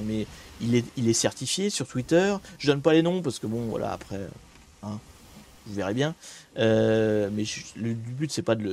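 A man's voice: medium pitch, a little mellow. A man streaming casual commentary to his audience, talking in a conversational, opinionated way as he thinks aloud. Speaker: streamer talking about cybersecurity.

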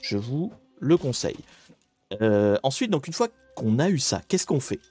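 A man's voice: mid-range voice, big pitch swings, moderate pace, a little mellow, slightly rough, no echo, faint music behind. A man hosting a casual live stream, chatting to viewers with frequent hesitations and restarts.

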